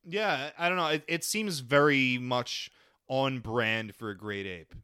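A man co-hosting a casual podcast, talking in an animated, teasing way and reading notes aloud. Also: mid-range voice, unhurried, clean tone, no room sound, studio quality. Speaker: podcast co-host. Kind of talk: casual chat.

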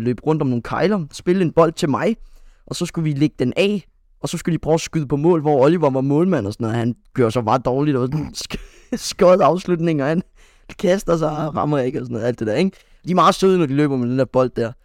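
A man's voice: a little high, a little mellow, no echo, studio quality. A young man co-hosting a podcast, telling a rambling story in casual chat, full of fillers and restarts. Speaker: podcast co-host.

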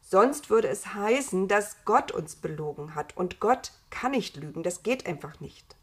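Serious young adam, slow and a bit low, woman doing him. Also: a little mellow. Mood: firm.

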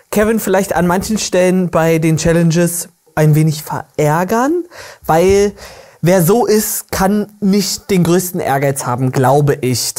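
A woman's voice: fairly low pitch, mellow. A woman hosting a casual reaction podcast, chatty and gushing as she comments. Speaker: podcast host.

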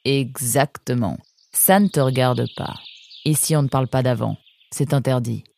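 A woman voicing a calm young female fox in a children's storybook, speaking in a dry, matter-of-fact way. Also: a bass voice, moderate pace, creaky.

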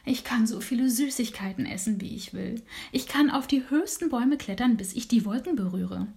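A woman voicing a restless little male dormouse in a bedtime storybook, with a higher, eager childlike voice. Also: lively intonation, moderate pace, creaky, darkish tone. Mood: dreamy.

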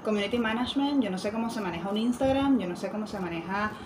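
A woman's voice: mid-range voice, quick pace, roomy sound, a crowd in the background. A young woman with an Argentine-influenced accent, chatting as a podcast guest, full of fillers. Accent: Argentine-influenced Spanish. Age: young adult. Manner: chatty, fillers like "o sea" and "tipo". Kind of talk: casual chat.

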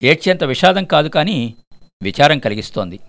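A man voicing an adult son who asks loud, irritated questions. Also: fairly high pitch, very animated, brisk, creaky, no echo, pitched above the performer's own voice, exaggerated voice. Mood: rueful. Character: grown son, upset and bewildered.

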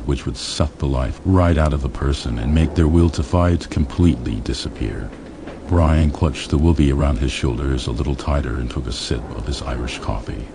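A man reading a crude comedy story aloud in a deadpan, matter-of-fact way. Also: very deep voice, noisy background. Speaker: audiobook narrator.

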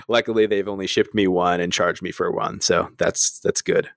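A man with a fairly low voice tells a story on a podcast, animated and quick to laugh. He acts out the people in it. The sound is close and dry, with no room echo. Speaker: podcast co-host. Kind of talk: casual chat, storytelling.

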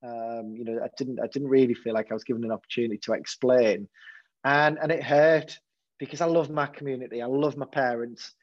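In a frank interview, a man who heads a school speaks a little fast in a mid-range voice with fairly even intonation, often breaking off and starting over. The sound is dry, slightly muffled, and lo-fi.

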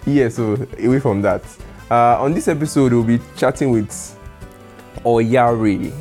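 A man hosting a casual podcast, relaxed and teasing, often repeating his words. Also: mid-range voice, unhurried, faint music behind. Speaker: podcast host.

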